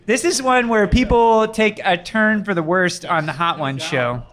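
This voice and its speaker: A man's voice: high-pitched, unhurried. A man hosting a hot-sauce tasting with friends, joking and upbeat, speaking into a handheld mic in a pizzeria. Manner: joking, upbeat, laughs often. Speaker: host. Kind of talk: lively group chat at a hot-sauce tasting. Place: busy pizzeria bar, indoors. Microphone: handheld mic passed around. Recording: noisy crowded room. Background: loud crowd chatter.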